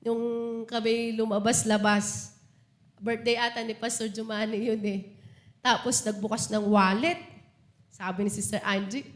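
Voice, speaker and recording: Female preacher, high voice, sermon with homey anecdotes, reverberant church room. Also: level tone, measured pace, pauses often. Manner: Taglish preaching with personal anecdotes, laughing. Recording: echoey church hall.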